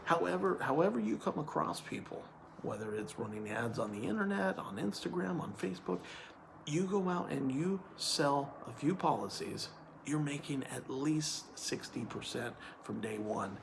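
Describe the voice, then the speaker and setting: Male hiring manager, gravelly tone, earnest, repetitive explainer; noisy background. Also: a little high, expressive, normal speed. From California. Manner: earnest, repeats points with "okay?". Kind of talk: explainer video monologue.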